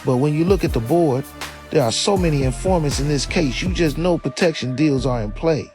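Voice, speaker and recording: This man speaks quickly in a fairly high voice, narrating a scripted true-crime video with opinionated, slangy commentary and the occasional swear word. It's a voice-over with faint music playing underneath.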